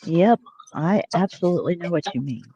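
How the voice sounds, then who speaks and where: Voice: mid-range voice, expressive, moderate pace, dark tone, slightly rough, dry recording. A person in their sixties calling into a casual panel, venting with frustration and a lot of swearing. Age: 60s. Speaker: panel caller. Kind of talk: casual chat. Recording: dry, muffled lo-fi line.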